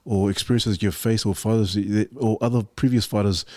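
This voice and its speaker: Man, podcast co-host, low voice, rambling, repetitive, dry sound. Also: steady tone, normal speed, dark tone, no echo. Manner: rambling, repeats words, calls people bro. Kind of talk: casual podcast chat.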